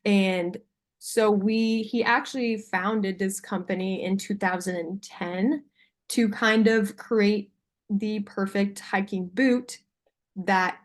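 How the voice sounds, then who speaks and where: Young woman doing a sales pitch over video call, kinda hesitant and informal, medium voice. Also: fairly even intonation, takes it slowly. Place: video call with screen sharing.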